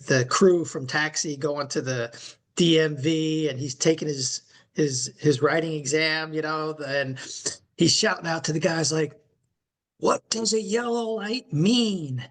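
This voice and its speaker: A man's voice: a little high, a bit bright. A middle-aged man co-hosting a podcast, chatting casually and rambling with many fillers and restarts. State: recovering from knee replacement surgery. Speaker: podcast co-host. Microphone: remote call audio.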